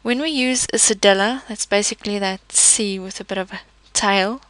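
A language teacher with a medium-pitched, slightly bright voice gives a slow, careful pronunciation lesson at a moderate pace. She patiently explains each letter using example words. The recording is low quality but free of echo.

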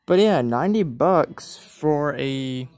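Holding a phone camera as he walks, a young man vlogs his way through a large indoor antique mall full of glass cases. His voice is a little high and his pace slow; he rambles, laughs a lot, and gets excited over things he notices.

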